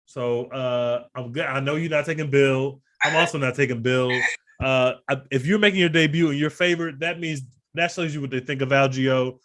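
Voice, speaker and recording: Speaking at a moderate pace with a slightly bright tone, a man of medium pitch co-hosts a casual podcast. He breaks down fight picks in relaxed slang, laughing a lot, as the talk stays on easygoing sports betting.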